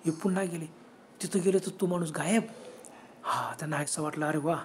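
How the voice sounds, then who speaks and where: A man with a high voice narrating a spooky village tale in a dramatic, lively delivery. At the frightening moments he sinks into a hushed whisper, and a faint hiss of noise sits underneath his voice. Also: brisk. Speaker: horror storyteller. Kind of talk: oral horror story narration.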